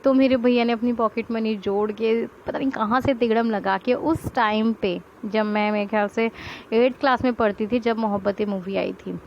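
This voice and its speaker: A woman's voice: a little high, moderate pace, muffled recording, a little hiss or hum. Chatty young woman telling family stories. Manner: chatty and animated, laughing often. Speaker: vlogger. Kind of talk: casual storytelling to camera. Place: at home with family around.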